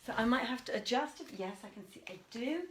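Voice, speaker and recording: Speaking fast in a higher, animated voice, this woman hosts a live online reading from her home, a room with a desk and a piano. Her manner is casual and apologetic as she chats and mutters to herself, with soft music playing and a noisy background on the stream.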